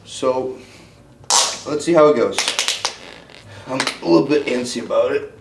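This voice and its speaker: A man's voice: mid-range voice, vocal fry. Chatty Ukrainian-born man vlogging with background noise. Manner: relaxed, chatty, quick fillers and restarts. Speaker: bodybuilder vlogging his contest prep. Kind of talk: casual vlog talk.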